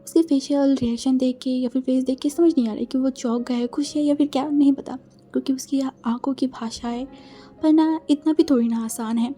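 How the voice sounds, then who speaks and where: Husky high woman retelling a fan story. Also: steady tone, fairly quick, warm tone, faint music behind. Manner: chatty, mixes in English words. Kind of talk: casual fan-fiction retelling.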